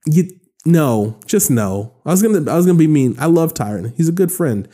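A man's voice: on the high side, very animated, a little fast, dark tone. Rambling, joking man in his thirties. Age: 30s. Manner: rambling, joking, lots of fillers. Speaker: podcast host. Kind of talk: casual solo podcast monologue.

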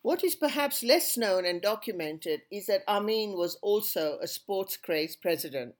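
A podcast host reading a scripted introduction in a measured, even delivery. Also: mid-range voice. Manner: measured, read-aloud delivery. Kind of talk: scripted narration.

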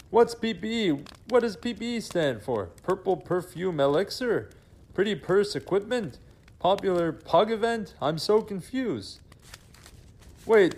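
A man's voice: high voice, full character voice. A man playing a bewildered old Santa Claus in a comedy sketch, exclaiming in confusion.

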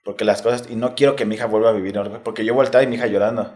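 A retired footballer with a Mexico City accent, guesting on a casual interview, talks very fast in a lowish, darkish voice with fairly even intonation. He tells a personal story candidly, in slang, step by step.

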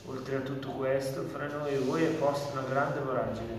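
Man reading bible passages slow, far off mic, big echoey room. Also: mid-range voice, fairly even intonation, a little hiss or hum. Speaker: scripture reader. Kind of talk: reading scripture aloud. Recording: distant mic in an echoey hall.

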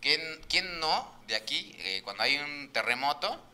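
A man's voice: fairly high pitch, sing-song, measured pace, pushed and bright. A man with a Mexican Spanish accent, hosting a casual podcast chat, reading items from a list and cracking crude jokes. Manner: crude joking, reads items aloud.

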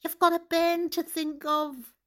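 A woman's voice: very high-pitched, flat delivery, unhurried, fairly bright tone. A woman playing a stern, scolding mother, nagging her daughter.

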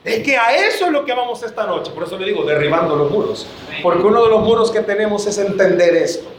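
A man's voice: high-pitched, expressive, fast, roomy sound, slight background noise. A man preaching a sermon to his church, joking and calling his listeners brother.

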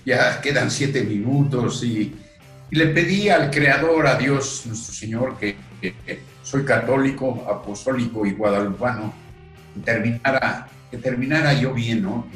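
An older man with a Mexican accent, a guest telling his story earnestly, pausing often. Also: medium pitch, a bit bright. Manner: slow, earnest, with pauses and fillers. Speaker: guest, retired referee. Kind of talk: reflective storytelling in conversation. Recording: roomy echo with faint music.

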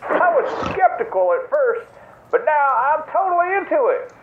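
A man's voice: extremely high pitch, sing-song, moderate pace. A man playing a goofy, rambling prison inmate who leaves a message on a collect call from prison. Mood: goofy boastful. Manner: rambling, boastful, stammering. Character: goofy male prison inmate calling home. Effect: prison collect call over a phone line. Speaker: caller. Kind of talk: comic voicemail bit. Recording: tinny echoey noisy phone line.

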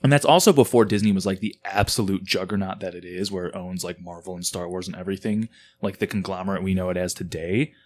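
A man co-hosting a podcast in casual chat, jokey and quick with quips. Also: deep voice, darkish tone. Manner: jokey, quick to throw in silly voices and quips. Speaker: podcast co-host.

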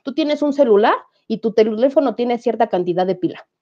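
A Mexican woman in her thirties talks as a guest and tells her story in a relaxed, easy way, acting out what people said to her. Her voice is mellow and a little dark. The audio sounds slightly muffled, like it came over a call. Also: fairly high pitch, fairly quick. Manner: animated, acts out quoted dialogue. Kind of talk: casual conversational storytelling.

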